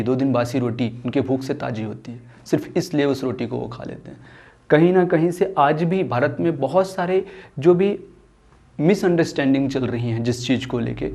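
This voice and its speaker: A man's voice: mid-range voice, a little mellow. A young man speaking for a foundation in an earnest social-cause talk, mixing English phrases into his speech and often restarting sentences.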